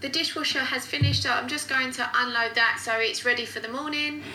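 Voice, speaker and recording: A woman with an Essex accent, narrating her family vlog in a soft, relaxing way. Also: sits high, fairly even intonation, fairly quick, slight background noise, poor audio. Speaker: family vlogger.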